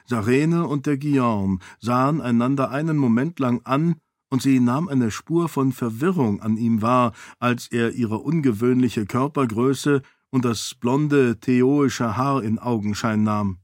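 A man reading an audiobook aloud in steady, even scripted narration. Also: mid-range voice, unhurried, hardly any pauses, no echo. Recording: dry close studio sound.

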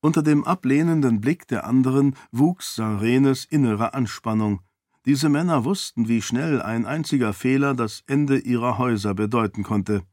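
A man reading a fantasy novel as an audiobook narrator, measured and even. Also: medium pitch, no room sound, studio quality. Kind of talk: scripted narration.

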